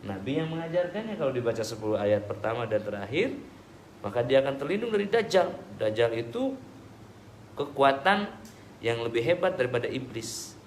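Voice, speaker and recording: A man gives a casual religious talk and answers listeners' questions at an ordinary pitch. He sounds easygoing and sometimes teasing. The room is echoey, with faint noise behind him. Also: very animated, fairly quick. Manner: conversational, teasing, answers with everyday examples. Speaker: preacher answering audience questions.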